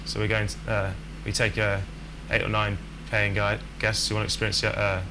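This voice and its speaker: A sailing skipper from England chatting casually in an interview, relaxed and full of fillers and restarts. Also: male voice, fairly low pitch, fairly quick, noisy background.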